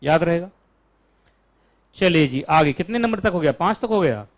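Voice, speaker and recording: A man with an Indian accent teaching a law class, chatty and joking, stretching out key terms slowly. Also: fairly high pitch, expressive.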